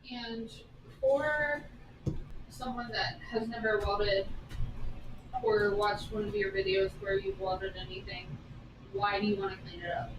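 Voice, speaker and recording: A helper off camera asking curious questions in a soft voice. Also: mid-range voice, fairly even intonation, unhurried, pauses often. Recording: distant voice in an echoey, noisy shop.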